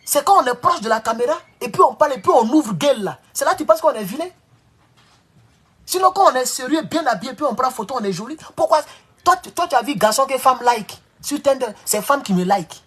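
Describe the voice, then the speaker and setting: A man talking to viewers in a casual live-stream monologue. He rambles and swings between loud, high outbursts and low mutters. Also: animated, fairly quick, slightly rough.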